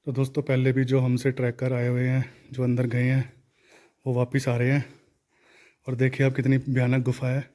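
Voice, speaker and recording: A man talks to his viewers as he explores a cave. His voice is mellow and stays within a narrow pitch range. Long echoes off the rock walls trail behind his words. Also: monotone, normal speed. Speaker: vlogger. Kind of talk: vlog narration to viewers while exploring a cave. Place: inside a large dark rock cave. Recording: echoing cave with long reverb.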